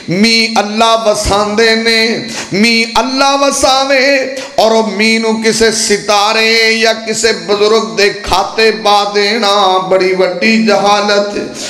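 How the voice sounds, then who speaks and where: A man's voice: high voice, fairly even intonation, slow, pushed and bright. A man preaching a sermon, stretching his phrases out and slipping in humorous asides.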